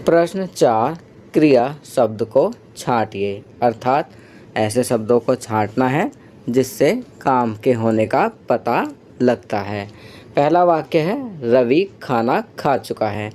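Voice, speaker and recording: A male teacher, patient and slow, taking children through a worksheet step by step. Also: medium pitch, expressive, a little mellow, a little hiss or hum.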